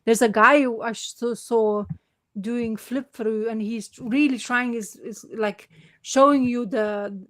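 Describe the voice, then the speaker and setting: Eager woman with a higher voice, video call. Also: steady tone, dry recording, studio quality. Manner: enthusiastic, halting, restarts phrases. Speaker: co-host. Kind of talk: casual livestream chat.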